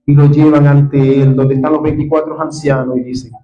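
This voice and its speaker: Un hombre predicando un sermón con acento venezolano, apasionado, que pasa de hablar bajo a alzar la voz. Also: male voice, fairly high pitch, little pitch movement, normal speed, dull audio. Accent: Venezuelan Spanish. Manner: impassioned, swings from soft to loud. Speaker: preacher. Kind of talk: sermon.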